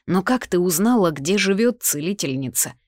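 A woman reading the lines of a calm, caring young male mage in an audiobook, in an even, reassuring tone. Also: high voice, normal speed, no echo, clean studio sound. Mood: tender.

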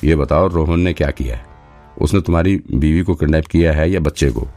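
A man's voice: a bass voice, a little fast, mellow, soft background music. A man voicing a confident male detective who questions a suspect with firm, probing questions, in an audiobook.

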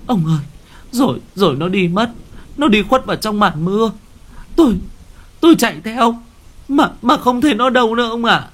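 A man's voice: normal speed, pauses often. A man voicing a frightened older mother who stammers and wails about a nightmare. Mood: frightened wailing. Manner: shrill, stammering, wailing.

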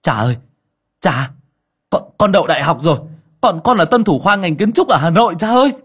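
Man putting on a young guy stammering out big news, high and loud, a bit husky. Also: lively intonation, brisk. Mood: overjoyed. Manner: stammering, eager. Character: young male student, overjoyed and emotional.

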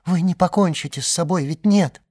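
A man's voice: high voice, fairly quick, a little mellow, breathy edge, no room sound, clean studio sound, voice pushed up. A man reading an audiobook and voicing a devoted young woman, pleading in an impassioned, trembling way.

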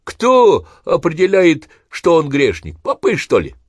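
A man voicing a rowdy, irreverent grown son who cracks loud jokes. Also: medium pitch, expressive, moderate pace, no echo, clean studio sound, pitched above the performer's own voice. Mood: boisterous. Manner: boisterous, loud wisecracking.

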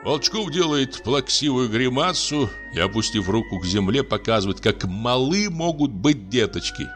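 A man narrating a classic story in a calm, even, low reading voice. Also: normal speed, soft background music.

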